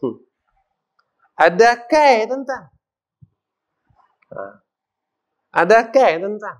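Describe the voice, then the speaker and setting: Lively preacher with a northern Malaysian accent. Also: male voice, high voice, slow pace. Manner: rhetorical questions to the audience, swings from loud to quiet. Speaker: religious teacher. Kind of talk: mosque lecture. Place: mosque. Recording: dull lo-fi recording.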